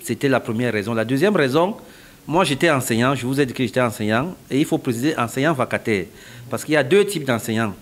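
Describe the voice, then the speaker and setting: A middle-aged company founder from Cameroon answers interview questions, explaining step by step and repeating phrases for emphasis. He talks fast in a medium-pitched voice with lively intonation.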